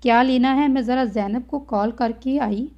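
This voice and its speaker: A woman's voice: a little high, moderate pace, lightly acted. A woman reading the lines of a bold, feisty young bride in a storybook novel, in a sassy way. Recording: dull lo-fi audio.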